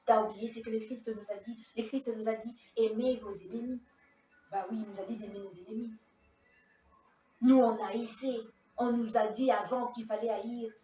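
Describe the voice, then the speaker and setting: A preachy, reproachful churchwoman, as a woman speaker acts her out in a fairly high voice. She lectures earnestly, heard from some distance in an echoey room. Faint ambient noise sits behind her. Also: fairly even intonation, normal speed, mellow, close to an everyday voice.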